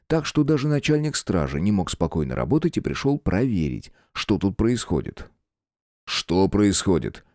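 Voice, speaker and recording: Dark-voiced lively male narrator. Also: fairly low pitch, moderate pace, hardly any pauses, no room sound, studio quality. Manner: lively, dramatic reading. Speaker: audiobook narrator. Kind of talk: expressive audiobook narration.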